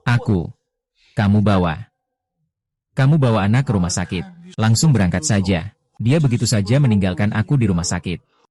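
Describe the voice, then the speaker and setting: A man reading all the parts of a dubbed drama in a flat, unhurried way. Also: on the low side.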